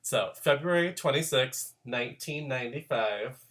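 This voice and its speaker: A man in his thirties hosting a casual podcast chat from a room at home, campy and animated and quick to laugh. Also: medium pitch. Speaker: podcast host.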